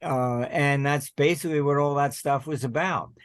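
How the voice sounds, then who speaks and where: An older American man speaks as a guest on an interview show, with a voice pitched somewhat high for a man. He talks in halting, digressive runs and keeps clearing his throat. The recording is dry and close, with no room sound. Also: no room sound. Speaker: guest, market analyst. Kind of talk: conversational interview.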